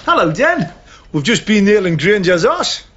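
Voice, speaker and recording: An actor playing a brash, scheming working-class builder who blusters and bluffs. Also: male voice, high-pitched, very animated, moderate pace, fairly bright tone, muffled recording, slight background noise. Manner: cocky, blustering.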